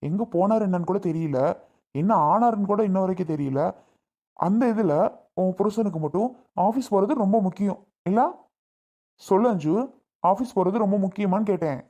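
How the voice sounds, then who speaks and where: A woman's voice: medium pitch, moderate pace, long pauses, dark tone, lightly acted. A woman playing a worried grown son who pleads with and scolds his sister in a family skit. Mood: accusing.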